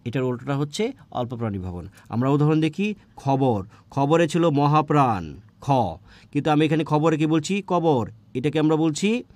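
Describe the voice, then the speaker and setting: A man with a Bangladeshi Bengali accent teaches a grammar lesson in a fairly high voice. He keeps firing questions at his students and answering them himself, and he trails off into soft fillers while he thinks. The sound is close and dry, with no room echo. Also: expressive, normal speed. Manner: quizzes students with rhetorical questions; fillers and restarts, drops softer when thinking. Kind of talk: exam prep lecture.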